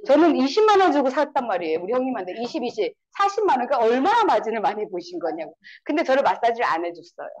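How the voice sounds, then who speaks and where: A woman in her thirties tells a seminar audience stories in a high, lively voice. Her pitch swings widely, and she takes on the voices of the friends she quotes. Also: racing, hardly any pauses. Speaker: network marketing speaker. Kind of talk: storytelling seminar talk.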